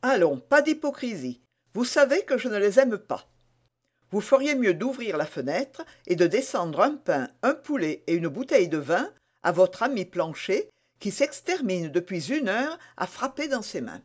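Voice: mid-range voice, normal speed. A reader voicing a vain, witty former musketeer turned abbé of about forty, who teases his friend and scolds his servant. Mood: imperious. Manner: teasing, imperious, lively. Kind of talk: audiobook character reading.

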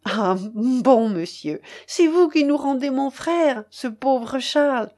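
A woman's voice: sits high, lively intonation, takes it slowly, a little mellow, voice pushed up. A woman voicing a young sister overflowing with joy, gushing and breathless. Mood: joyful. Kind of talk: audiobook character reading.

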